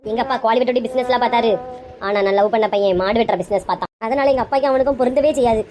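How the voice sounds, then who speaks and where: Woman as a brash scolding mother, rapid-fire. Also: a little high, music in the background, natural voice. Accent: Kanyakumari Tamil. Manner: bossy, scolding, melodramatic. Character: brash scolding middle-aged mother, dramatic. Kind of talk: comedy skit acting.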